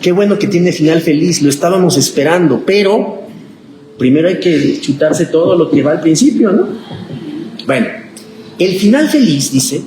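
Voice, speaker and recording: A pastor gives a chatty, animated Bible class, quizzing his students and acting out the lines he quotes. His voice sits a little high for a man. The room is echoey, with clear noise behind him. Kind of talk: conversational Bible study lecture. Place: church classroom.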